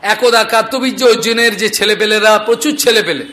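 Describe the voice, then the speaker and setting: A man telling scripture stories as a devotional preacher, animated and acting out the characters' speech. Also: high voice, a little fast. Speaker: Bhagavata storyteller preacher.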